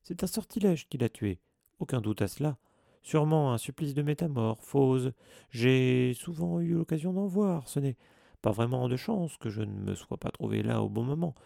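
A man's voice: mid-range voice, lively intonation, normal speed, vocal fry, dark tone, no echo, clean studio sound. A man voicing a vain, self-important male wizard teacher in an audiobook, eager and pompous. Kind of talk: audiobook character voice.

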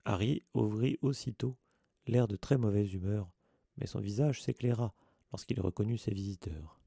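A man narrating an audiobook with a steady storytelling read. His voice is low and heavily gravelly. The sound is dry and close. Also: normal speed, dry recording.

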